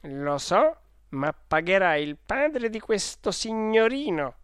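Storybook part: reader plays a hot-tempered middle-aged salesman, shrill when yelling, dry close mic. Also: big pitch swings, slow, clear, resonant tone, no echo. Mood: indignant. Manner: shouting, exasperated outbursts. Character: irritable middle-aged male traveling salesman. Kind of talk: audiobook character voice.

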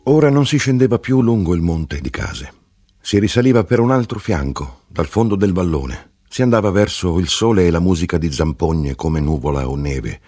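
Husky low-voiced male reader. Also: faint music behind. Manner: measured, expressive reading with wide pitch swings. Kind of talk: literary audiobook reading.

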